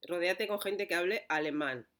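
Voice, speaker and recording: A woman's voice: lowish voice, normal speed, fairly bright tone. A woman with a Spain Spanish accent, giving casual advice as a channel host, talking loosely with many restarts and frequent checks for agreement. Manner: chatty, many restarts, keeps asking "¿vale?".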